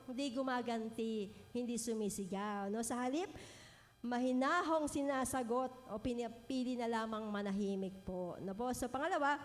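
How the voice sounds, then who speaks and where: A middle-aged woman preaching a sermon in a gentle manner, often adding "no po?" as she speaks. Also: on the high side. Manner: gentle, frequent "no po" tag questions, mixes English phrases. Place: church hall. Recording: long hall reverb.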